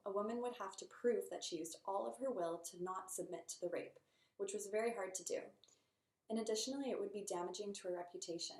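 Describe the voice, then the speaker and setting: A young woman from Canada, a student earnestly reading her part of a group presentation. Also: medium pitch. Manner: steady, earnest reading from a script. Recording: echoey room.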